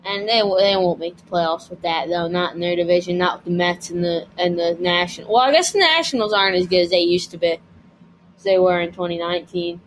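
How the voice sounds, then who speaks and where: A man's voice: high voice, brisk, a little hiss or hum, poor audio. A man co-hosting a podcast, chatting casually and matter-of-factly about sports. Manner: calm, matter-of-fact, quotes stats. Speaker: podcast co-host.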